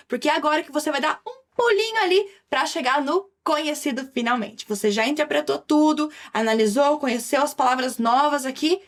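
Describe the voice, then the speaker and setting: A young woman with a Brazilian Portuguese accent teaching an English lesson in a lively, chatty way, slowing down for English examples. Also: sits high. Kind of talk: online language lesson.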